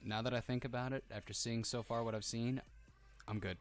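A man's voice: mid-range voice, steady tone, brisk. A man co-commentating on a game with wry, sardonic casual banter. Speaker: co-commentator on a let's play. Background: game music.

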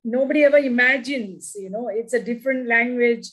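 A middle-aged woman with a South Indian accent, a native Malayalam speaker, reading and introducing a poem with deliberate, expressive phrasing over a video call. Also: on the high side. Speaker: poet reading own work. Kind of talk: poetry reading with explanatory introduction. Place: indoor room at home, video call. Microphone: video call microphone.

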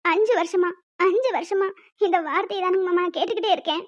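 A woman voicing a gentle young wife in a cartoon, pleading and sorrowful as she pours out her hurt. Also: very high voice, quick pace, dull audio. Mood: tearful.

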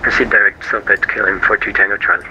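A male pilot checks in over a radio channel, his low voice reading back clearances in a casual manner. The transmission sounds dull and muffled, and a clear static hiss sits beneath it. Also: fairly even intonation, fairly quick. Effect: heard over a radio channel. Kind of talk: radio readbacks.

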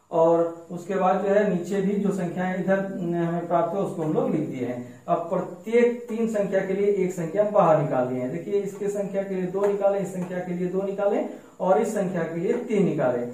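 A male math teacher, explaining a classroom lesson slowly and step by step to children. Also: sits high, dark tone. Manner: slow, repetitive explaining, addresses children directly. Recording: very echoey room, mic far off.

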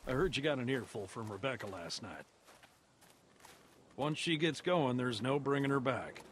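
An actor voicing a gruff, weathered older man in a game, plain-spoken and dry as he tells hunting stories. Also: medium pitch, animated, moderate pace, slight background noise, natural voice. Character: gruff weathered older uncle, folksy storyteller. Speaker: game character.

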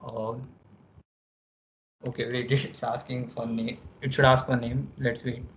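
A young man with an Indian accent giving a casual, halting screen-share tutorial, thinking aloud as he goes. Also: mid-range voice, little pitch movement, a little hiss or hum. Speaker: workshop presenter. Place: online video call, screen share. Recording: dull lo-fi call audio, typing clicks.

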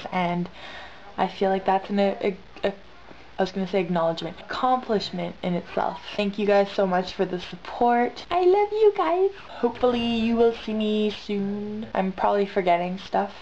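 In a small bedroom, perched on her bed, a young vlogger with a nose stuffed up from illness speaks in a mid-range, darkish voice, rambling casually and slangily with emphatic repetition. Recorded on the built-in camera mic at arm's length, the audio is dull, lo-fi and slightly noisy.

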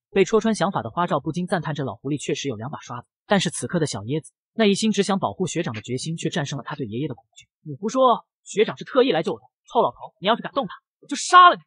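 Male narrator, comic recap, very fast, husky, dry close mic. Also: a little high, no echo. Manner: brisk, wisecracking. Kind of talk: humorous storytelling narration.

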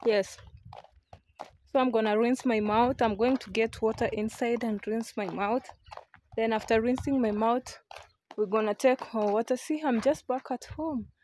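A woman's voice: a little high, normal speed, a little mellow, slight background noise. A young woman, chatting casually to her phone camera as she walks around a rural farm. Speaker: village life vlogger. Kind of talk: casual vlog narration. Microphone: phone camera held at arm's length.

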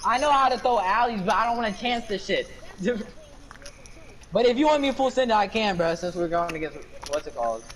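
A man's voice: high-pitched, lively intonation, a little fast, a bit bright, a little hiss or hum. A man chatting casually while playing an online basketball game with friends, trash-talking, swearing and calling plays to his teammates. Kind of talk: casual gaming chat.

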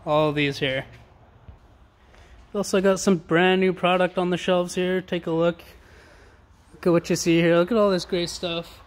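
With a high-pitched voice and fairly even intonation, a man presents auction items at a moderate pace, pausing often, in an informal walkthrough. His patter is enthusiastic and slangy, recorded indoors in a large warehouse showroom with noticeable background noise.

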